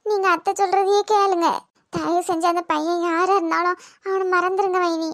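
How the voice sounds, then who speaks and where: A woman's voice: very high-pitched, steady tone, normal speed, fairly bright tone, no room sound, clean studio sound. A woman with a Tirunelveli Tamil accent voicing a caring young married sister-in-law in a cartoon, speaking in a soothing, coaxing way. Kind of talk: cartoon voice acting.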